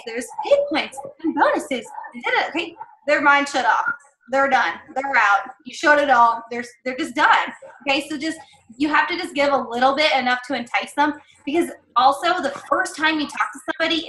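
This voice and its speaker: A woman's voice: sits high, pushed and bright. Woman team leader, casual coaching talk, chatty and upbeat, roomy echo. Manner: chatty, encouraging, many fillers and asides. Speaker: team leader giving sales training.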